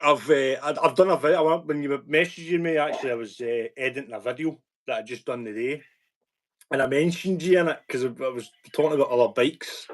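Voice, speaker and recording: A man's voice: mid-range voice, brisk. A man with a Glaswegian Scottish accent chatting loosely on a live stream as the channel host, stop-start with repeated words. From Scotland. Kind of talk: casual live-stream chat.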